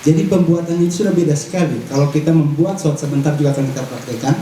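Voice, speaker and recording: A man's voice: fairly high pitch, very fast, mellow. A man demonstrating how a traditional instrument is made, explaining step by step and plainly to a workshop audience. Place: large hall. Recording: roomy echo, distant mic, audible room noise.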